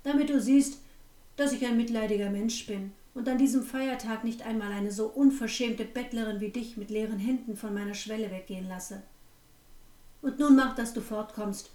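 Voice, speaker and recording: A woman voicing a loud, contemptuous male innkeeper in a read-aloud fairy tale. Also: on the high side, a little fast, few pauses, roomy sound, far from the mic, close to an everyday voice, rough recording. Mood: scornful. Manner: shouting, mocking.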